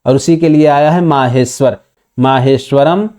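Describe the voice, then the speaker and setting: A man gives a patient Sanskrit grammar lesson. His voice sits a little high but sounds mellow and warm. He recites the sutras slowly before explaining each one. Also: animated. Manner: acts out a student's objection in dialect. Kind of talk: explanatory lecture.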